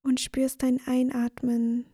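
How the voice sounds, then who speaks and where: A woman narrating a guided bedtime sleep meditation in a soothing, gentle, breathy voice that often nears a whisper. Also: sits high, monotone, slow, no room sound, clean studio sound. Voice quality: breathy, soft.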